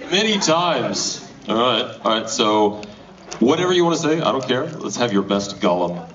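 Teasing male emcee with a lively voice. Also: mid-range voice, moderate pace, slight background noise. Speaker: event host. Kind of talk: joking emcee banter. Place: cinema lobby at a screening. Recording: distant lo-fi camera audio with crowd.

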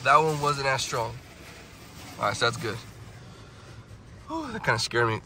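With a sharp tone and big pitch swings, a mid-range male voice runs at normal speed over slight background noise. The young man is vlogging from his truck in a car wash on a handheld phone, chatting casually to viewers while yelping and laughing nervously.

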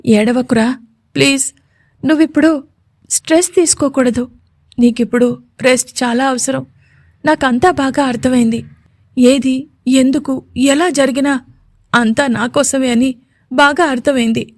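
A woman voicing a gentle young man who soothes and coaxes his tearful sweetheart. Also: high voice, fairly even intonation, measured pace, pauses often, no echo, clean studio sound. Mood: soothing. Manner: soothing, coaxing.

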